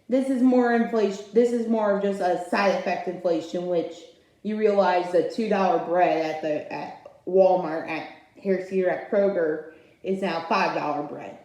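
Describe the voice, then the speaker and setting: A woman's voice: mid-range voice, dark tone. A woman hosting her own channel, giving an opinionated political commentary rant that rambles and often restarts. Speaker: channel host. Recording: very echoey room.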